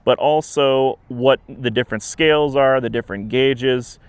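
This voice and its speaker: A man with a smooth, resonant voice at an average pitch gives an informal update to camera. He is plain-spoken and measured. The sound is dry and open, recorded outdoors with some traffic. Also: steady tone, no room sound. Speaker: interim museum director. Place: outdoors beside a trail, with traffic and wind. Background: traffic and wind.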